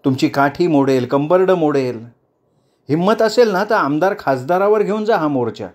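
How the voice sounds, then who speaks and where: A man's voice: a little high, lively intonation, normal speed, darkish tone, lightly acted. A man voicing a defiant woman council chair who addresses a crowd in a rousing, commanding speech.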